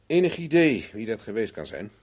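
With a Netherlands Dutch accent, this actor takes on the role of a shrewd, self-assured private investigator in a 1970s radio play, measured, persuasive and knowing. His fairly low male voice is a little mellow with big pitch swings, and the mood is probing.

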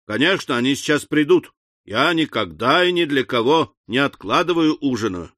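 A man's voice: lively intonation, normal speed, fairly bright tone, no echo, clean studio sound, lightly acted. A man doing a stout, hot-tempered old squire. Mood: hospitable. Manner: booming, commanding.

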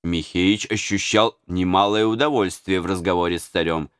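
A man's voice: low-pitched, fairly even intonation, moderate pace, a bit bright, smooth, no room sound, clean studio sound. A man narrating a historical novel as an audiobook in a dramatic storyteller's cadence. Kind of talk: expressive literary narration.

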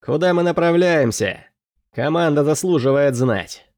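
A man's voice: medium pitch, normal speed, a little mellow, no room sound, clean studio sound, lightly acted. A man voicing a cocky, scheming young pirate who talks brashly and pushily. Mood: pushy. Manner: brash, smug, pushy.

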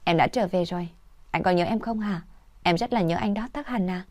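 A woman's voice: fairly low pitch, brisk, a little mellow, no room sound, close to an everyday voice. Woman doing a tearful clingy young woman. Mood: pleading. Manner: pleading, tearful.

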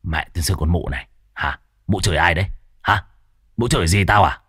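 A man voicing a rough, thieving young village man in a spoken ghost story, gruff and coarse in speech. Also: deep voice, big pitch swings, moderate pace, darkish tone, no echo, clean studio sound, voice pushed down, full character voice. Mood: aggressive.

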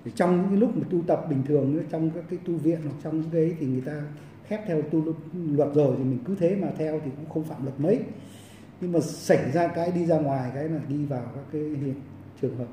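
Halting monk, dark and roomy. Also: male voice, on the high side, a little hiss or hum. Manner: halting, with many repeated fillers and restarts. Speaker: Buddhist monk teaching monastic discipline. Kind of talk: Dharma lecture. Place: monastery hall. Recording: roomy echo, mic at a distance.

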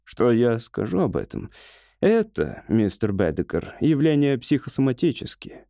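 A man voicing a patient middle-aged doctor in an audiobook, speaking in a measured, reassuring way. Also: medium pitch, big pitch swings, gravelly, dark tone, no room sound, studio quality. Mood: calm. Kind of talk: audiobook character voice.

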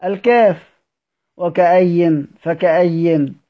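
A man's voice: high voice, slow. A man with an Egyptian accent teaching a study circle, quizzing his students and answering his own questions. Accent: Egyptian Arabic. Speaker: Quran recitation teacher. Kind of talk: recorded study-circle lesson. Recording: dull lo-fi audio recording.

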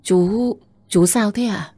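A man voicing a gentle young woman who speaks softly and politely to an older man. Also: high-pitched, slow pace, pitched above the performer's own voice. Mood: caring. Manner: soft and polite.

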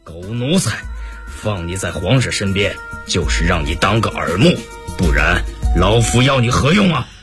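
An arrogant old minister. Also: male voice, low-pitched, very animated, normal speed, music in the background. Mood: scornful. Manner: haughty, scornful. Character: arrogant older male minister, contemptuous. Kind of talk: radio drama acting.

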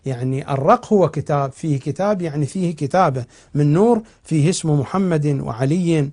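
A man's voice: a little high, a little mellow. Man giving a televised religious lecture. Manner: recites quoted narrations then explains them slowly, stresses key phrases. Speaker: cleric teaching on TV. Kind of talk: religious lecture, reading and explaining narrations. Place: television studio.

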